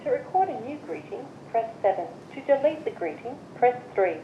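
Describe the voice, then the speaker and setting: A woman's recorded voice reading voicemail system menu prompts in measured, evenly spaced instructions, heard through a phone speaker. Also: fairly high pitch, sing-song. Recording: muffled, echoey phone speaker with hiss.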